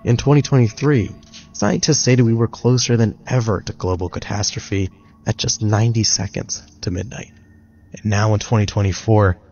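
A man reading a scripted narration in a measured, even way. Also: lowish voice. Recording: dull lo-fi clip with faint music.

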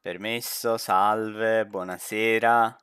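Gaming streamer on a headset, bright and tense voice, laid-back pace, joking banter with a teammate. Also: mid-range voice, steady tone, extremely slow, clean tone, dry recording, studio quality. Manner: chatty, laughs often, jokey banter with a teammate. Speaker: streamer playing a horror game with a friend. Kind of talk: casual gaming commentary.

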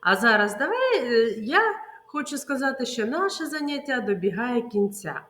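Woman kindergarten teacher, slow sing-song delivery with a lively pitch, echoey room. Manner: slow, sing-song, drawn-out words, asks and answers her own questions. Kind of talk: early-literacy lesson for small children.

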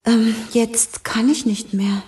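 An earnest little boy prince, as read by a woman, asks polite, curious questions. His voice is mellow and soft in a gentle storybook style. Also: fairly high pitch, steady tone, takes it slowly. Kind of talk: storybook reading.

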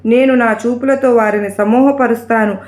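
Brief: woman reading a gracious goddess, calm and instructing, higher voice, room echo. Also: normal speed, natural voice. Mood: serene. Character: gracious, serene mother goddess.

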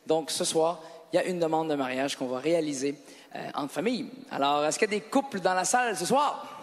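A man's voice: a little high, lively intonation, fairly quick, noisy background. A man doing stand-up, bantering playfully with couples in the audience. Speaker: stand-up comedian. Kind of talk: stand-up crowd work. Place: large theatre stage with live audience. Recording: live hall with audience, long reverb.

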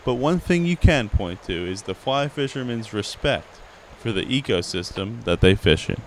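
A young man delivers a student news feature outdoors beside a creek, holding a handheld mic. His pitch moves in a lively, animated way. Steady outdoor noise sits clearly behind his voice. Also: normal speed. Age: young adult. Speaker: student reporter.

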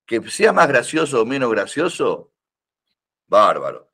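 An older man with a Rioplatense Spanish accent, a karate teacher guesting on a podcast, speaks in a medium-pitched, husky, fairly bright voice with huge swings in pitch and a slightly slow pace. He rambles through casual conversation, full of fillers and restarts, and likes to tease.

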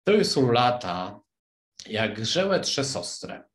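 A man voicing a small, sleepy dormouse who tells a story in a hoarse, weak voice. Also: mid-range voice, very animated. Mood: storytelling. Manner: drowsy, halting storytelling. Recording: roomy echo.

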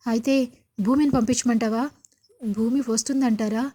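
A woman reading the lines of a reassuring middle-aged husband in a serial retelling, firm and steady. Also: a little high, moderate pace, lightly acted.

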